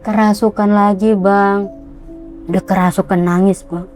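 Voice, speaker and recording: A young woman excitedly telling a ghost story, acting out the voices of the people in it. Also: medium pitch, measured pace, faint music behind. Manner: excited, animated, acts out quotes. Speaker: guest storyteller.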